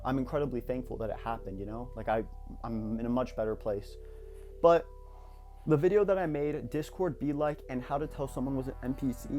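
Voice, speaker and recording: A man's voice: mid-range voice, a little fast, darkish tone, faint music behind. A young man in his late teens talking candidly and reflectively in a personal vlog, rambling a little and restarting his sentences. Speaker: YouTuber.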